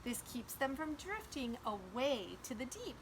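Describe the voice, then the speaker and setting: A woman preschool teacher reads to young children and explains things simply and instructively, her high voice sing-song and a little slow. It is a children's read-aloud and simple lesson, with a noisy background.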